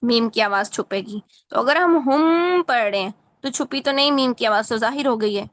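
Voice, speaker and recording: A woman teaching Quran recitation in an online lesson, correcting a student patiently and often checking that she follows. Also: a little high.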